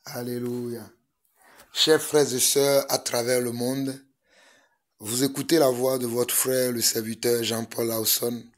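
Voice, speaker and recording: A Togolese man whose first language is a Togolese language preaches a fervent sermon, blending prayer with urgent, repetitive exhortation. His voice is medium in pitch and a bit bright.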